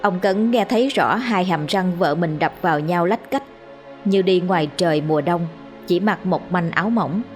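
Woman storyteller, lowish voice, steady suspenseful ghost-story reading, faint music under it. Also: normal speed. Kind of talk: scripted narration of a ghost story.

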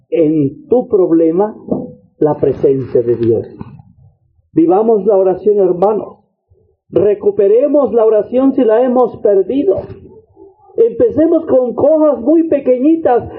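A man's voice: high voice, slightly rough. A man preaching a sermon, exhorting his listeners and repeating phrases in rhythmic litanies. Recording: tinny phone-like radio broadcast.

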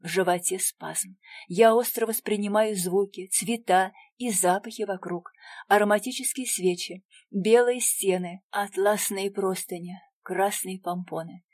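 A woman narrating a first-person audiobook in a quiet, tense, measured voice. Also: medium pitch, steady tone, no room sound, studio quality.

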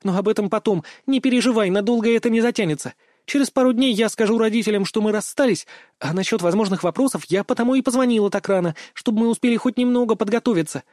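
A man's voice: sits high, quick pace, darkish tone, no echo, clean studio sound, pitched above the performer's own voice, close to an everyday voice. A man voicing a cheerful, pushy young woman who chatters and wheedles in an audiobook. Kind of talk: audiobook narration.

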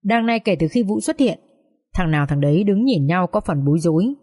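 A woman narrating a dramatic audiobook story with steady, expressive delivery. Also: fairly low pitch, a little fast.

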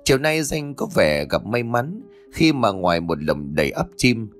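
A man narrating a ghost story with expressive, rising and falling delivery. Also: on the low side, normal speed. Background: faint background music.

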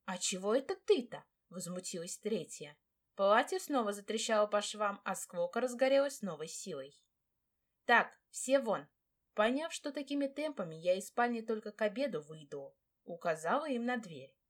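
A woman reads a first-person story aloud with a wry, expressive touch. Her voice sits at a middling pitch, and she gives the narrator's inner thoughts a lively, knowing tone. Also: moderate pace. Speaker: audiobook narrator.

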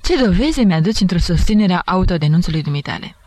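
A man's voice: high voice, expressive, a little mellow, no echo. A woman voicing a jovial male judge who talks in a familiar, bantering, disbelieving way. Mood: jovial, incredulous. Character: jovial, puzzled middle-aged male investigating judge.

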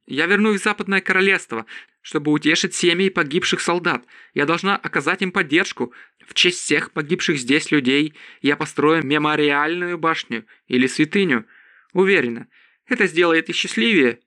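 A man reading aloud and voicing a young noblewoman in a raised, quick, emphatic voice. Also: fairly high pitch, pushed and bright, dry recording, clean studio sound, pitched above the performer's own voice. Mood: earnest. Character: young noblewoman, earnest then shrill.

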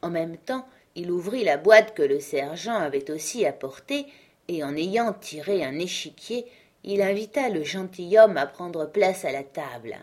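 A woman narrating a classic novel aloud in a measured, expressive reading. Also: lowish voice.

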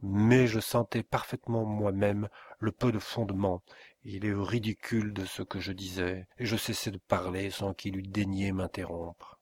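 A man reading a classic novel aloud as an audiobook, in a measured, literary reading. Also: on the low side, little pitch movement, darkish tone. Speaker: audiobook reader. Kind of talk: scripted narration of a classic novel.

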